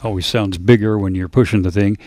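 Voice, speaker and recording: Midwestern male host, low voice, dry joking delivery, dead-dry home studio sound. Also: steady tone, a little fast, a little mellow, dry recording. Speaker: radio host and producer. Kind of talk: casual studio chat.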